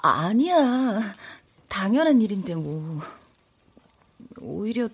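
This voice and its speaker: An actress in her thirties playing a divorced woman in a radio drama, speaking quietly and hesitantly. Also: medium pitch, big pitch swings, slow pace, slightly rough, full character voice. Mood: sad. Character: divorced woman, reserved, hurt, softening.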